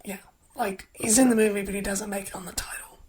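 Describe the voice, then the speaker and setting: A woman's voice: mid-range voice, steady tone, quick pace, darkish tone, distant mic, a little hiss or hum, rough recording. Woman co-host recapping a movie plot. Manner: recaps a plot with playful asides. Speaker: podcast co-host. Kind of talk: casual chat.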